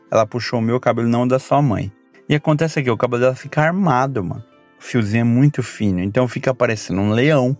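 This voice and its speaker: A man in his thirties with a Brazilian accent, a father talking casually to his son in a recorded birthday message, full of slang and animated retellings. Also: mid-range voice, vocal fry. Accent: Brazilian Portuguese. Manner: slangy, rambling, animated when retelling stories. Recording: faint music behind.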